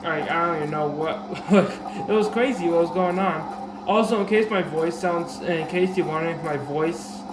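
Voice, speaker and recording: With a sore, dry throat roughening his slightly raised voice into a mild rasp, a gaming video creator gives casual tutorial commentary at normal speed. He wanders off track and starts over, plugging gaps with ums and alrights. Recorded on a camera mic, the audio is echoey with constant background noise.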